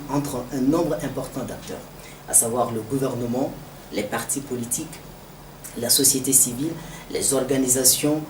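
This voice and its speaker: A man from Mali with a Malian French accent gives formal political analysis in a deliberate, didactic manner, repeating phrases for emphasis. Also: mid-range voice, darkish tone. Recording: echoey, distant mic, noisy background.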